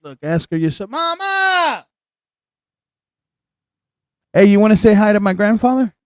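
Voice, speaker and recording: A young man co-hosting a casual chat show, talking in an animated, excitable way and swearing freely. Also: high voice, quick pace, clean tone, no echo. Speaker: co-host.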